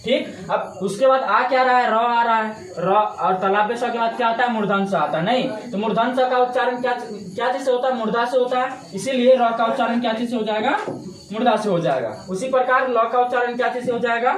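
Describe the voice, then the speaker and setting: A man's voice: very high voice, brisk. Echoey male teacher quizzing himself. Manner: asks questions and answers them himself, repetitive. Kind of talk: classroom-style Hindi grammar lesson. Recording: echoey room with faint ambient noise.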